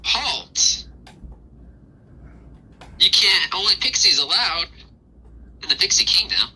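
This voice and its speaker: Man putting on a high, fussy little pixie. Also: lively intonation, slow, bright, forceful tone, breathy edge, exaggerated voice, rough recording. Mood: officious. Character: cute, officious little male pixie gatekeeper.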